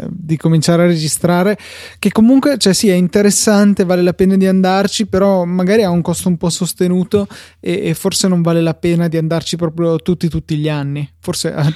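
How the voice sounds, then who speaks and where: A man's voice: on the high side, warm tone, no room sound, studio quality. A man hosting a casual podcast discussion, rambling as he thinks aloud. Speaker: podcast host.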